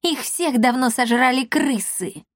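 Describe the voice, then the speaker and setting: A woman puts on a high, piercing voice for a boastful young witch in a storybook. She sneers, gloats and yelps her spells in a dry, close sound. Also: measured pace, no room sound. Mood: shrieking. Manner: mocking, shrill cries. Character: spiteful young female witch, boastful and sharp.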